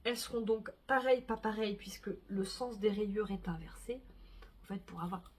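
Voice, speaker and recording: A woman talking casually to her viewers about her knitting projects, chatty, with many fillers and soft asides. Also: medium pitch, moderate pace, heavy background noise. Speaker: knitting vlogger. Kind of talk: casual chat to camera.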